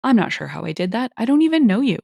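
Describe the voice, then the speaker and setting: A patient, reasonable young man who keeps his tone polite, as a woman narrator voices him. The delivery is lively, with a slight rasp, and the sound is close and dry. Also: on the high side, quick pace, no room sound, voice pushed up, heavily acted. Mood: calm, polite. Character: calm, polite young man defending himself.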